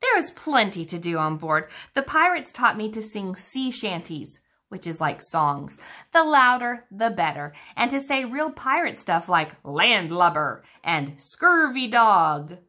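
Bright, lively woman reading a picture book. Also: mid-range voice, unhurried. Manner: engaging, asks the listening children questions. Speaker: teacher reading to children. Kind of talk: children's book read-aloud.

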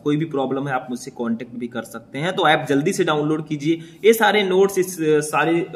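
A young man with a slightly high-pitched voice leads students through an exam paper. He talks briskly and reassuringly, and he checks in often with a quick "okay" to keep the class moving. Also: a bit bright. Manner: brisk, addresses students as brother, frequent "theek" check-ins. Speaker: teacher. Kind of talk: exam paper walkthrough lesson.

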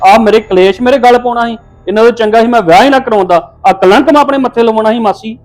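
A man's voice: very high voice, quick pace. An actor playing a hot-tempered husband who berates his wife in a family drama skit, harsh and bossy. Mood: complaining, bitter. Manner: harsh, berating, shouting orders.

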